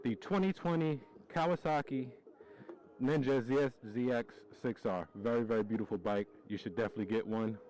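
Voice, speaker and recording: A man's voice: medium pitch, brisk, darkish tone, slight background noise, poor audio. A young man vlogging casually outdoors, laid-back and slangy, upbeat as he chats about motorcycles. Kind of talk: casual vlog chat. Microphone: phone held at arm's length, helmet mic while riding.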